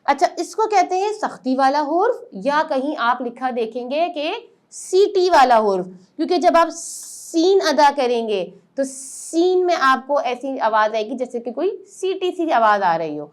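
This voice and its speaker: A woman teaching Quran letter pronunciation step by step, explaining patiently and then drawing out each letter sound slowly and loudly. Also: high-pitched, sing-song.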